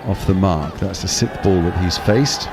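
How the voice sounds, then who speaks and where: A man giving measured, explanatory ball-by-ball cricket commentary. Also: sits low, vocal fry, crowd noise, background noise. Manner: measured, explanatory, with small restarts.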